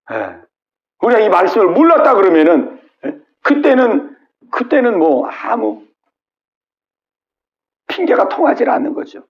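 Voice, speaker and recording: Brief: male pastor, middle-aged, lively rising-and-falling high voice, dull lo-fi church recording. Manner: repetitive call-and-response with frequent "예?". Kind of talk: sermon. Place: church sanctuary.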